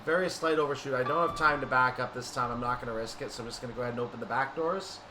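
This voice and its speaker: This man is a gameplay commentator talking over a train simulator, breaking into announcer-style station calls as he goes. His medium-pitched voice races along against steady noise.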